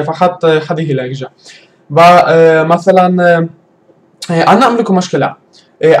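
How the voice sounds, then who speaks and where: A man with a slightly high voice speaks in beginner's Arabic for a vlog. He hesitates often, fills gaps with long "ah" sounds and restarts his sentences while hunting for words. His delivery is casual and unpolished. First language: not Arabic. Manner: hesitant, many fillers and restarts, searching for words. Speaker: language learner vlogger. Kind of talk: halting casual talk in a learner's Arabic.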